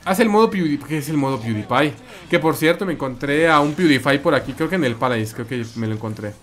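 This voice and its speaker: A man's voice: mid-range voice, animated, fast, fairly bright tone. A man with a Mexican accent commenting live on his gameplay, chatting with viewers and repeating his phrases. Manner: chatty, repeats phrases, reads and answers chat. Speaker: streamer.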